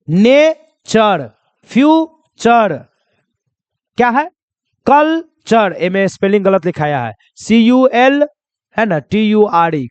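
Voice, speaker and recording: A man with a very high, smooth voice teaches pronunciation, captured without any room sound. During the classroom lesson he asks questions and answers them, reiterates key points, and spells words slowly.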